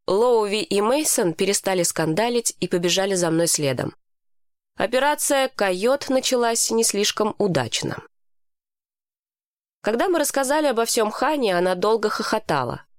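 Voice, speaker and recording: Lively woman reading a story. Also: medium pitch, moderate pace, no echo, clean studio sound. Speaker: audiobook narrator. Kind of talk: scripted narration.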